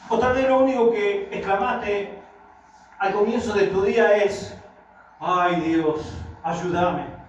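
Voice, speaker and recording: A man's voice: high voice, measured pace, heavy reverb, far from the mic, dull audio, a little hiss or hum. A man with an Argentine accent preaching a sermon, telling stories with quoted dialogue and asking the congregation rhetorical questions. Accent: Argentine Spanish. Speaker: pastor. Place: church hall.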